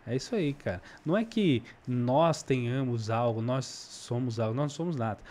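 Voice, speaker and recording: A man's voice: medium pitch, expressive, moderate pace, warm tone. A man hosting, breaking in with earnest, casual preaching aimed straight at his viewers. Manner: earnest, addresses viewers directly. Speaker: host and preacher.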